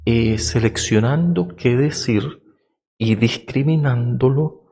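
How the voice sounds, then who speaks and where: Slow, gravelly-voiced man musing philosophically. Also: mid-range voice, warm tone. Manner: slow, thoughtful, with many fillers and rhetorical checks; explaining like a teacher. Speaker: podcast host. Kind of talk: reflective philosophical monologue.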